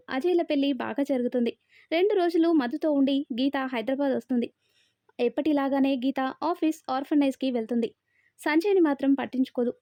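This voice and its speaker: A woman storyteller narrating a serialized story in a steady, plain manner. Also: high-pitched, no echo. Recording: dry, slightly dull recording.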